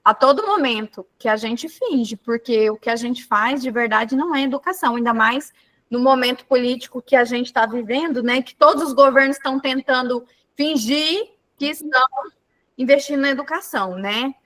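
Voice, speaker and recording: A woman teacher with a high, bright, sharp voice makes her point on a video call. She speaks in an earnest, critical way. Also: moderate pace.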